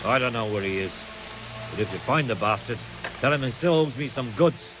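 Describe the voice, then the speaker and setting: A man's voice: medium pitch, lively intonation, brisk, music in the background, lightly acted. A man voicing a wary, grudging medieval village tradesman in a video game. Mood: defensive.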